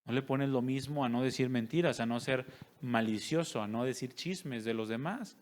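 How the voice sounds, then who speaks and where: A man's voice: medium pitch, normal speed. A male pastor, preaching a sermon and putting rhetorical questions to his congregation. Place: church service.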